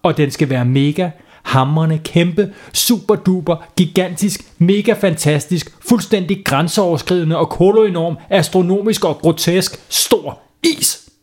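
A man's voice: medium pitch, expressive, breathy edge. A man voicing a stubborn eight-year-old girl in a children's story, piling up big demanding words. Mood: insistent.

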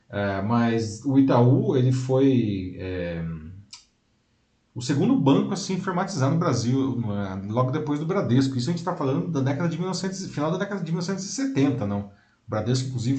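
A man's voice: mid-range voice, dark tone, reverberant. A man co-hosting a live talk show, explaining at length in casual commentary and ending his points with tag questions. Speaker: co-host.

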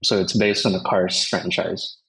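A man from India, a tech company co-founder, answering interview questions in a measured, explanatory way. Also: low voice, steady tone, vocal fry, fairly bright tone, low-quality recording.

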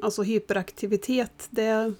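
A woman chatting in a relaxed conversation, thinking aloud about her children. She speaks at a measured, reflective pace and keeps a calm, even tone. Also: a little high. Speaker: parent. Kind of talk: casual podcast chat.

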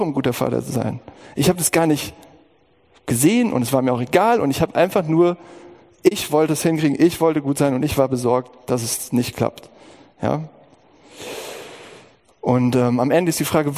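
A man's voice: on the high side, darkish tone, big-room sound. A middle-aged man preaching a sermon as pastor, talking earnestly and personally, with emotional outbursts.

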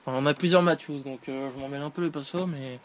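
A man's voice: on the high side, fairly even intonation, fast. A man chatting casually on a podcast, a bit hesitant as he recalls things. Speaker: podcast panelist.

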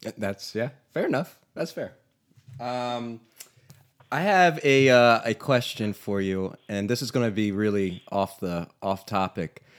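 A man's voice: on the low side, a little slow. A man hosting an interview podcast, asking friendly, hedged questions in a casual way and laughing easily.

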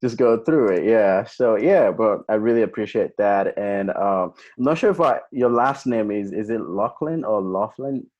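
Deep-voiced man hosting over a muffled call. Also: moderate pace, hardly any pauses, darkish tone. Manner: rambling, enthusiastic. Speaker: podcast host. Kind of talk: casual interview chat.

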